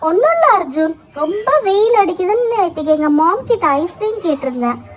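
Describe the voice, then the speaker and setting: A bubbly young girl with a very high, childlike voice chatters eagerly to her friends, as a woman puts her on. She sounds cheerful and generous. It fits a homemade doll-play story. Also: very animated, a little fast.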